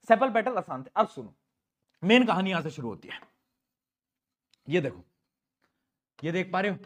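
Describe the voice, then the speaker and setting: A male teacher giving a lively exam-prep lesson, playfully asking his students questions and answering them himself. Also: high voice. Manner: calls students "beta", mixes English terms into Hindi.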